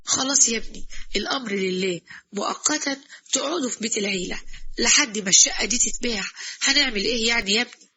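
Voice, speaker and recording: A woman's voice: a little high, fast talker, sharp tone, muffled recording, slight background noise. A woman voicing a fearful, pious middle-aged father with an Egyptian accent. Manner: exclaiming, pious, resigned.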